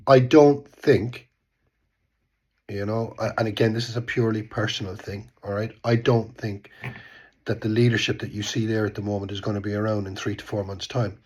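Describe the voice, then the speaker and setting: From his Bristol home, a fifty-something vlogger with an Irish accent talks politics in a loose, rambling way, repeating words and often ending with "type thing." A cold has left him congested. His pitch is fairly low, a little mellow, and slightly rough.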